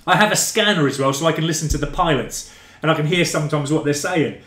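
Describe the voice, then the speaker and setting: A man's voice: a little high, quick pace, fairly bright tone. A man hosting a gaming live stream, chatting loosely and reading out viewer comments, calling them mate and guys. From England. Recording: roomy echo.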